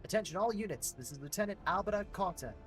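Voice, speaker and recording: A man voicing a stern military lieutenant in a gravelly voice, reading game dialogue aloud. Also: sits high, animated, fast talker, a bit bright, soft background music, pitched above the performer's own voice, rough recording. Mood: commanding.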